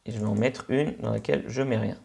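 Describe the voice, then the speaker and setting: A man with a Senegalese French accent gives a screencast coding lesson, his voice sitting at an ordinary middle pitch. He explains step by step in a relaxed, chatty way, often pausing on "ok" and "euh". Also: creaky. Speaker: instructor.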